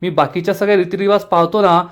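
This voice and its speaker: A man's voice: high-pitched, fairly even intonation, fast, natural voice. A man voicing a young male boss in a serial recap, hurrying to dodge an awkward situation. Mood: evasive.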